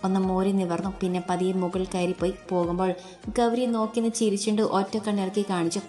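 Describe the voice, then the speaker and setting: A woman narrating a romance story for an audio channel, in a steady storytelling voice. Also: medium pitch, fast, faint music behind.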